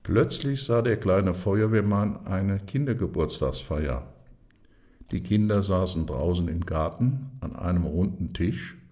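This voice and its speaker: A man reading a children's storybook aloud in a calm, measured way, adding playful sound effects. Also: sits low.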